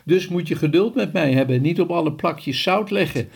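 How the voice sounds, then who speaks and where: A man's voice: on the high side, normal speed, creaky, darkish tone, slightly rough, pitched above the performer's own voice. A man voicing a kind, big giant who muddles his words, reading aloud from a storybook. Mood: wistful.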